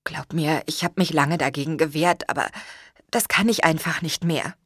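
A woman's voice: low voice, moderate pace, no room sound, studio quality. A woman voicing a tired, guilt-ridden man who hesitantly confesses an affair in an audiobook. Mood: apologetic. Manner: hesitant, subdued. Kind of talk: audiobook reading.

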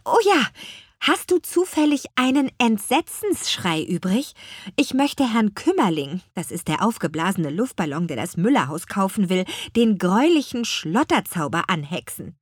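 A woman voicing an eager, earnest young apple witch girl in an audiobook, with a bright, pleading delivery. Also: mid-range voice, very animated, normal speed, husky, dry recording, clean studio sound. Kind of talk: audiobook character voice.

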